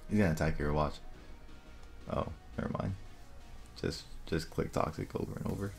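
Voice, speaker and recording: A young man casually commentating his own online game, thinking aloud and muttering quick asides to himself. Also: very deep voice, gravelly. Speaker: gaming video creator. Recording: faint music underneath.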